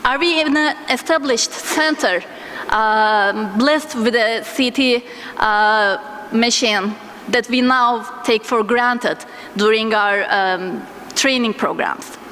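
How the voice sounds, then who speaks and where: A woman giving a conference lecture as a physician, her voice thick and strained from a sore throat, speaking hesitantly with deliberate pauses. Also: fairly high pitch, fairly bright tone. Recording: echoey hall with noticeable background noise.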